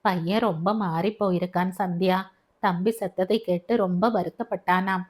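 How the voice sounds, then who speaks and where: A gentle, soft-hearted older aunt, voiced by a woman narrator in a storybook. She pleads in a homely, kindly way. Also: fairly low pitch, fairly even intonation, normal speed, lightly acted. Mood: pleading.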